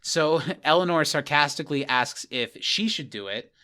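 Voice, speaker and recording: Smooth-voiced man recapping an episode. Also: a little high, moderate pace. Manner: animated recapping, acts out characters' lines. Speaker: podcast co-host. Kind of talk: casual rewatch podcast chat.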